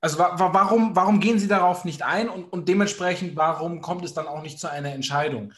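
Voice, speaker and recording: Man, high-pitched, casual chat, blunt, jokey, swears. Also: fairly even intonation, fast talker, fairly bright tone. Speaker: podcast co-host.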